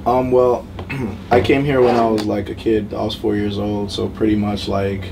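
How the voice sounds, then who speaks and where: A young man from Cameroon, a rapper, talking about himself in a relaxed, rambling way with many fillers. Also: fairly low pitch, normal speed, creaky. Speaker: rapper guest. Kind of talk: casual interview. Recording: distant mic, faint noise.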